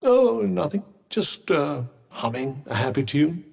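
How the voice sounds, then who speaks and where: A man's voice: on the high side, big pitch swings, a little slow, creaky, darkish tone, heavily acted. A British man voicing a sardonic, fussy talking magic cuff in a video game, with a dry, pompous, articulate delivery. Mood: wry. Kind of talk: video game character dialogue. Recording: long reverberant echo on voice.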